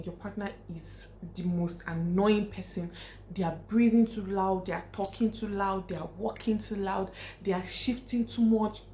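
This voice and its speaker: A woman's voice: medium pitch, darkish tone. A young woman vlogger giving frank, emphatic advice to her viewers, repeating her points for stress. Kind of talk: casual advice talk to camera. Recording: echoey room, faint hiss.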